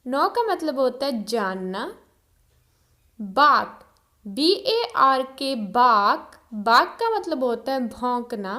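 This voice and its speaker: A woman's voice: on the high side, very animated, slow, bright, forceful tone. A woman teaching English vocabulary, saying each word, spelling it out letter by letter and giving its meaning. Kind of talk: slow vocabulary drill.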